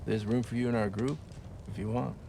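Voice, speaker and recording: An actor playing a calm, gently persuasive preacher who leads a hungry group, in a TV drama scene. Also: male voice, medium pitch, brisk, gravelly, slight background noise, close to an everyday voice. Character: soft-spoken man, a preacher leading a hungry group. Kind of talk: TV drama acting.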